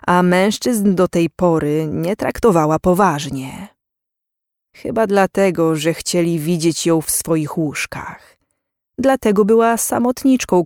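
An audiobook narrator reading a novel in a measured, even storytelling voice on a close microphone. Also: mid-range voice, no echo.

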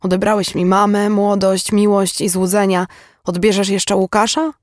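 A man's voice: sits high, flat delivery, normal speed, dry recording, studio quality, voice pushed up, close to an everyday voice. A man voicing a weary, bitter young woman. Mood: weary reproach. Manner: intense, emotionally charged delivery. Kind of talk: audiobook character reading.

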